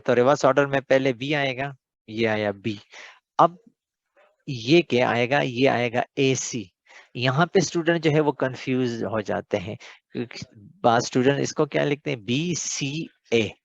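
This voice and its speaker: Slow-paced male lecturer, dull lo-fi sound. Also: medium pitch, no room sound. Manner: patient, repeats points with frequent check-ins. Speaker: teacher. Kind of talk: recorded lecture explaining worked examples.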